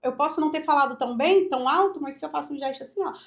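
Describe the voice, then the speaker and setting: A woman's voice: high voice, very fast, fairly bright tone. A woman with a Brazilian accent, a speech therapist, teaching voice and posture in an instructional video with live demonstrations, explaining step by step. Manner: demonstrative, explains step by step, often says "look". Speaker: speech therapist and public speaking coach.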